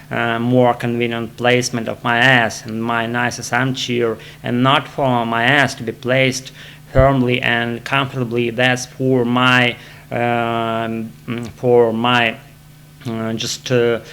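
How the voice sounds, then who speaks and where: Hesitant Russian-accented man, gravelly voice. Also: mid-range voice, a bit bright, a little hiss or hum. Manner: hesitant, many fillers and restarts. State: in back pain. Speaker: vlogger practicing English. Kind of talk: casual self-recorded monologue. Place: seated in an armchair at home.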